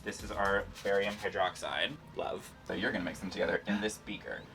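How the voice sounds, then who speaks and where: A man's voice: lowish voice, fairly even intonation, a little fast, vocal fry, pushed and bright, far from the mic, faint music behind. A man hosting a casual science demonstration, explaining things informally and playfully. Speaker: host, scientist.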